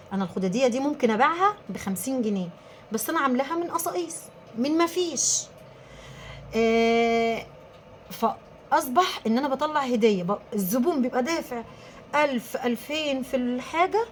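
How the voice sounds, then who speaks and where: An Egyptian woman who runs a small business, giving emphatic, animated advice straight to her viewers. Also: fairly high pitch, slight background noise.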